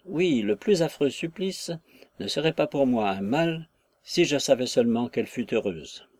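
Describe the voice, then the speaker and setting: A man's voice: mid-range voice, lively intonation, normal speed, a little mellow, no room sound, close to an everyday voice. A man reading a lovesick young hero. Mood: anguished. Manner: impassioned, effusive, with sighs and exclamations. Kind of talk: audiobook reading of a classic novel.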